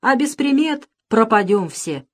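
A gloomy old village grandfather, as a woman reads him, muttering and gruff. He talks with little hope and a heavy, grumbling manner. His lines are read from a storybook. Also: extremely high pitch, animated, measured pace, a bit bright, pitched above the performer's own voice, exaggerated voice. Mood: hopeless.

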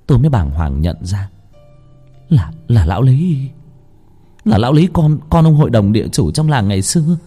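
Man with a dark, emotional storytelling voice. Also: mid-range voice, sing-song, moderate pace, pauses often, breathy edge. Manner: emotional, swinging from hushed to pleading. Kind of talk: dramatic ghost story narration. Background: faint music.

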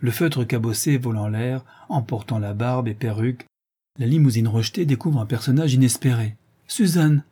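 Husky, dark-voiced male storyteller. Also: mid-range voice, a little fast. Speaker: narrator. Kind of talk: audiobook storytelling.

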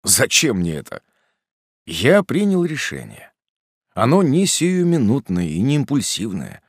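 A man voicing a guilty young man calmly ending his engagement, speaking quietly and firmly. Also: medium pitch, measured pace, slightly rough, no echo, clean studio sound, pitched above the performer's own voice, full character voice. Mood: subdued, firm.

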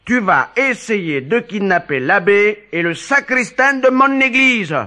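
An imperious count, played by a man, speaks in a forceful voice. He is stern and challenging, with lively storybook phrasing. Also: sits high, a little slow, pitched above the performer's own voice, exaggerated voice. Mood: scheming. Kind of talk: storybook dialogue.

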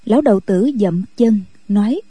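A woman narrating a martial-arts novel as a radio story reading, in a steady, measured way with a husky voice. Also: medium pitch, no room sound.

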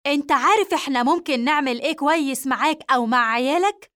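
Manal, a sharp, threatening woman, read by the narrator. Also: high voice, expressive, racing, dry recording, clean studio sound. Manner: sharp, demanding.

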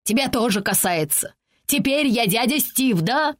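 A woman voicing a blustering, domineering middle-aged man who talks loudly and emphatically in an audiobook. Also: on the high side, lively intonation, unhurried, no echo, clean studio sound. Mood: roaring. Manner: loud, emphatic, tag questions.

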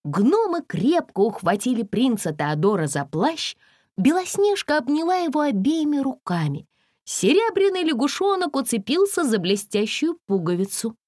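A woman narrating a fairy-tale audiobook in an expressive, measured storytelling manner. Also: sits high, no echo, studio quality.

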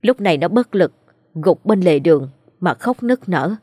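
A woman's voice: lowish voice, expressive, moderate pace, dark tone, breathy edge, dry recording, clean studio sound. A woman narrating a ghost story in a scripted storytelling style.

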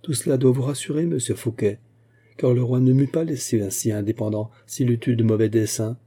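Man reading as wry musketeer captain, courteous, insistent, very dark tone, husky, audiobook. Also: mid-range voice, fairly even intonation, a little fast, natural voice. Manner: courteous, insistent, quietly ironic. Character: shrewd polite musketeer captain, middle-aged man.

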